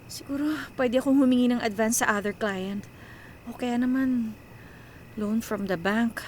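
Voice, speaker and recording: A young adult woman with a Filipino accent voices an anxious, self-sacrificing breadwinner in a radio drama, sounding stressed and worried as she talks to herself and code-switches into English. Her natural voice is a little high and her pace measured, with background noise present.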